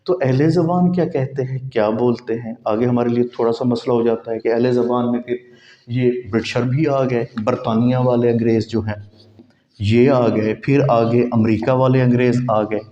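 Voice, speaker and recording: A man's voice: medium pitch, steady tone, warm tone, dull audio. Man, Pakistani Urdu accent, English teacher, answers his own questions, roomy echo. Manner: slow, spells out letters one by one. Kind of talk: spoken language lesson.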